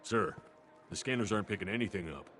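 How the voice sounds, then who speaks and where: A man's voice: on the low side, lively intonation, fast talker, fairly bright tone, soft background music. An actor playing a deferential male security guard in a video game, polite and formal.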